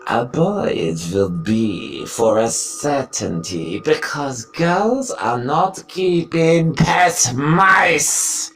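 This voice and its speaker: A woman's voice: low-pitched, animated, very slow, hardly any pauses, faint music behind, exaggerated voice. A woman voicing a cruel, imperious witch leader who barks orders in broken, foreign-sounding grammar. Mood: commanding.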